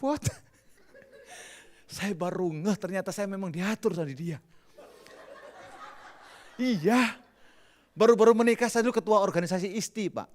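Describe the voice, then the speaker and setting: A middle-aged man with a Javanese accent preaching a lively, joking sermon, swinging from loud bursts to soft whispers. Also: high-pitched, measured pace, pauses often. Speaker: pastor.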